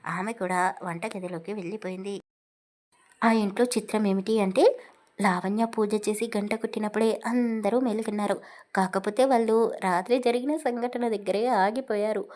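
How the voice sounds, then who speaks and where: A woman reading an audio love story aloud as narrator, in a steady, even storytelling manner. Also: mid-range voice, normal speed.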